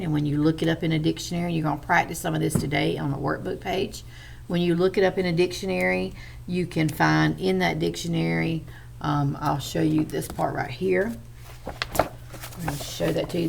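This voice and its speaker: A woman's voice: low-pitched, creaky, a little mellow. A woman teacher, patiently explaining a reading lesson step by step to children.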